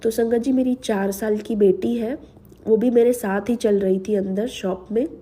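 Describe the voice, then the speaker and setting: Woman host, devotional testimony, slow and earnest, dark husky voice, slight sore throat. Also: fairly high pitch, steady tone. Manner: slow, earnest, mixes English words into Hindi. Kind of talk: personal testimony to a spiritual audience.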